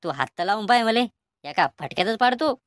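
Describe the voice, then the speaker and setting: A woman's voice: fairly high pitch, animated, a little fast, heavy background noise, close to an everyday voice. A woman doing a stubborn old grandfather. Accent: Vidarbha Marathi. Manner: gruff, threatening, defiant. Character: stubborn bossy old grandfather wanting to marry. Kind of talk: cartoon comedy voice acting.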